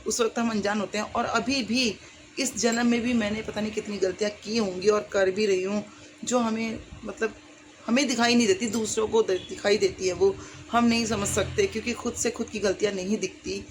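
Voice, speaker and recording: Earnest middle-aged woman, casual heartfelt talk to camera, mid pitch. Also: steady tone, normal speed, noisy background. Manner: earnest, heartfelt, rambling with many fillers. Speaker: YouTuber.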